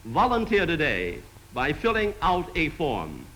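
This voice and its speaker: A man's voice: on the high side, wildly swooping pitch, unhurried, bright, forceful tone, low-quality recording. A man giving a formal, earnest public address, recorded as old 1950s newsreel film sound. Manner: earnest, declamatory. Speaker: state official addressing citizens.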